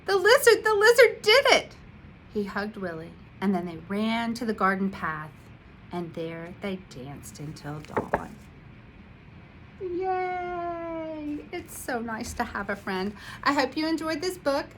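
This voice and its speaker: Female school coach reading a storybook to kids; lively, expressive read-aloud. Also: medium pitch, a little slow, a little hiss or hum, rough recording. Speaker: instructional coach. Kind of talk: reading a picture book aloud to children.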